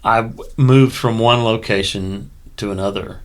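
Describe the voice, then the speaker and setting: A man's voice: lowish voice, steady tone. A middle-aged man co-hosting a casual podcast, talking in a thoughtful, reflective way. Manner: thoughtful, reflective, unhurried with fillers. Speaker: co-host.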